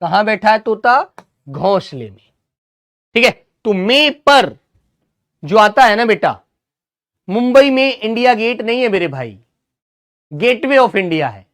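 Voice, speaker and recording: A man's voice: high voice, animated, unhurried, long pauses, a bit bright. A man teaching Hindi grammar in an online exam-prep class, who asks his students questions, answers them himself, and calls them son and brother.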